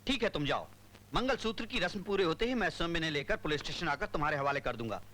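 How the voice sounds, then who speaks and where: A smooth, calculating minister. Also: male voice, a little high, quick pace. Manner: calm, persuasive. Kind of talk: Hindi film dub acting.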